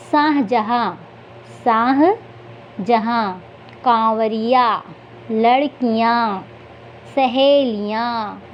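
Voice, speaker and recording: A woman teaching a reading lesson to young children, asking questions and answering them herself, sometimes drawing words out slowly as she reads aloud. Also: on the high side. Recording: dull lo-fi recording with faint noise.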